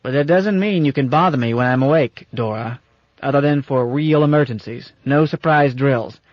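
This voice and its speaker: A man doing a gruff, folksy old captain. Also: medium pitch, normal speed, no room sound, lightly acted. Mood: stern, folksy. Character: gruff, bossy old space captain, affectionate. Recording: dull lo-fi audiobook recording.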